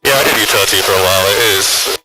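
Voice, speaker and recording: A man coaching a student pilot in flight, brisk, encouraging and talkative, on a headset intercom. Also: on the low side. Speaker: helicopter flight instructor. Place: helicopter cockpit in flight. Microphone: aviation headset intercom. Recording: intercom over loud rotor noise. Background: loud rotor and engine noise.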